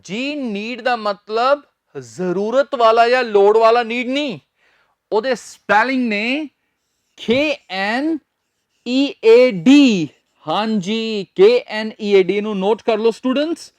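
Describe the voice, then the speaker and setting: A man's voice: high-pitched, slow pace, no echo. A man teaching a spoken English lesson, spelling out words letter by letter and drilling his students with patient repetition. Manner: patient, step-by-step explaining.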